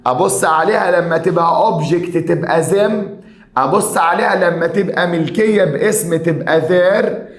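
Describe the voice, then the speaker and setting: Egyptian guy teaching english, kinda high voice, echoey room. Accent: Egyptian Arabic. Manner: lively, quizzes the student and praises answers. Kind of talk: Egyptian Arabic grammar lesson.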